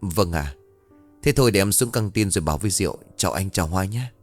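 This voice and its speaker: A man's voice: deep voice, lively intonation, quick pace, faint music behind. A man voicing an earnest younger friend of the family who confides worrying news in a ghost story. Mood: polite.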